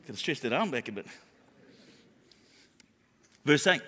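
A middle-aged man preaching a sermon as pastor, emphatic, repeating words and dropping into soft whispers. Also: medium pitch, animated, a little slow, slightly rough. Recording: long hall reverb.

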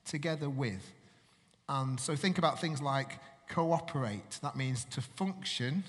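A man's voice: mid-range voice, in a large hall. A man from Manchester, giving a sermon in a chatty way and putting questions to the congregation. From Manchester, England. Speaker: preacher.

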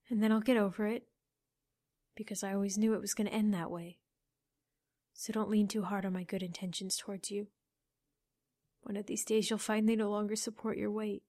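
An actress playing a cold, sharp-tongued female necromancer with a cutting, sarcastic manner. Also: medium pitch, no echo, studio quality, lightly acted. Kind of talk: audio drama acting.

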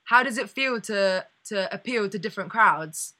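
A woman's voice: medium pitch, expressive, normal speed, pushed and bright. A woman hosting a casual radio interview, bubbly and laughing often. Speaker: radio host.

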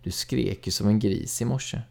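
A man's voice: on the low side, creaky, darkish tone. A man voicing a blunt, teasing older brother, a boy.

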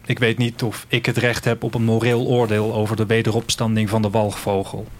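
An actor narrates a radio drama intimately in the first person as a reflective man from a future world. His fairly low, level voice moves fairly quickly and sounds close to an everyday speaking voice. Music plays under the narration.

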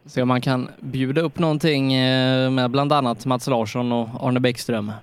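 A man's voice: medium pitch, fairly even intonation, slight background noise. A man co-commentating a rally, chipping in short remarks with fillers. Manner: brief interjections with fillers. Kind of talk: live sports commentary.

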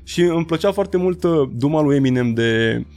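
Man in his thirties, somewhat high voice, animated storyteller, bursts into high put-on voices, faint music behind. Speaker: rapper and beatmaker guest. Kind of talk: casual storytelling interview.

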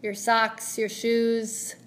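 A woman leading a guided meditation as a yoga teacher, speaking gently and soothingly in measured phrases with long pauses. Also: on the high side, completely flat delivery.

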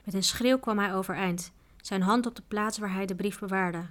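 A woman narrating a children's adventure book aloud in a steady, even reading voice. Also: medium pitch, moderate pace. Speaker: audiobook reader. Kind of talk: storybook narration.

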